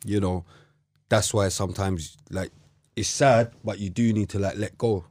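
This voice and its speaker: A man's voice: on the low side, steady tone, moderate pace, darkish tone. London roadman man, casual slangy chat. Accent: London, urban street slang. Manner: roadman-style slang talk with repeated check-in phrases.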